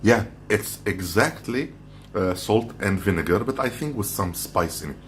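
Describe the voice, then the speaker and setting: A man's voice: fairly low pitch, expressive, normal speed. A man giving a casual food review, talking while he handles and crunches chips, in an off-the-cuff vlog style. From outside the Philippines. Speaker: snack reviewer. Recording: clearly noisy background.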